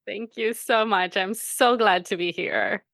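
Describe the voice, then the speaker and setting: A woman from Tanzania, a coach, talks as a podcast guest, warm and quick to laugh. Her voice sits at a middle pitch and sounds dry and close-miked. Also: creaky, no echo. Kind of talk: podcast interview.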